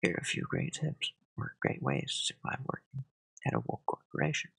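A soft-spoken ASMR host in close-mic whispers, reading satirical headlines and adding dry deadpan asides. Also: medium pitch, fairly quick, creaky, husky, rough recording. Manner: reads headlines, then adds wry deadpan asides.

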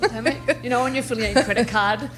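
A woman in her forties from Vietnam, raised in Australia, chatting as a guest journalist in a casual, self-mocking way, laughing often, into a studio boom mic. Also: quick pace, over loud music. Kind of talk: casual interview chat. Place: studio with neon-lit backdrop. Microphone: studio mic on boom arm.

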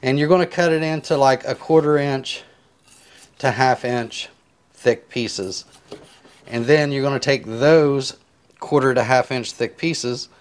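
A man giving a casual cooking tutorial in his home kitchen, chatting in a relaxed, rambling way as he chops and seasons, recorded on a lapel mic. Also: mid-range voice. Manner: relaxed, rambling step-by-step explanations with filler words. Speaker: home cook. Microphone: clip-on lapel mic.

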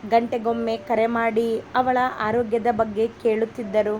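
A woman's voice: on the high side, level tone, moderate pace, a little mellow, a little hiss or hum. A woman reading a family love story aloud as a storyteller, evenly voicing each character herself. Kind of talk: scripted story narration.

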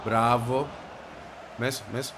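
A man with a stuffy, congested voice giving excited commentary as he plays a football video game, shouting and grumbling at the match. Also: mid-range voice, noisy background. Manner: shouts and yelps at the game, frustrated outbursts. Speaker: gaming video creator.

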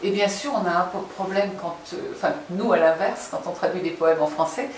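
Woman moderator with a lower voice, carefully worded questions, heard far off in a noisy, reverberant room. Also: fairly quick. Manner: articulate, rephrasing as she asks. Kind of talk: question-and-answer after a reading. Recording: echoey room, distant mic, audible noise.

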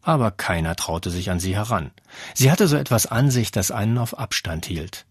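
Brief: male audiobook narrator, low and husky, steady measured reading. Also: no room sound, studio quality. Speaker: audiobook reader. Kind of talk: scripted narration.

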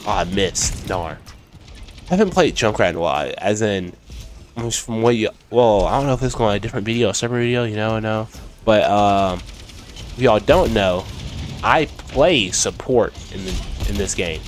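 A stuffy young man chats over gameplay, talking to viewers and himself in casual streaming commentary while nursing a cold. His low-ish voice is expressive at normal speed, with a little hiss or hum from the desk mic and headset setup in his home room, plus game music and sound effects.

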